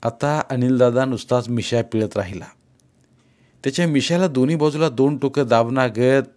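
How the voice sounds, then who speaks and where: A man's voice: mid-range voice, a little mellow. Man telling a village folk tale. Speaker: storyteller. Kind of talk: oral story reading.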